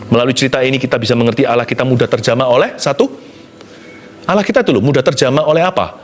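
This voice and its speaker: A man preaching an animated sermon. He mixes in English phrases and swings between high excited exclamations and low soft asides. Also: very fast, soft background music. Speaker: pastor.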